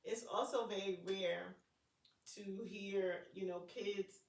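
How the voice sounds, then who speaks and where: A woman's voice: medium pitch, steady tone, slow pace. A middle-aged woman co-hosting a podcast about parenting grown children, chatting casually with sarcastic asides and loose slang. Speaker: podcast co-host. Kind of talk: casual chat. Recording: echoey room, mic at a distance.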